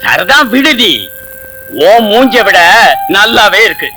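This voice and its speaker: An actor playing a village father who tries to calm his shouting wife and defends their daughter. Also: high-pitched, slow pace, over music, full character voice, rough recording. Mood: placating. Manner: placating, scolding gently. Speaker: film actor. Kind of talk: 1980s film dialogue.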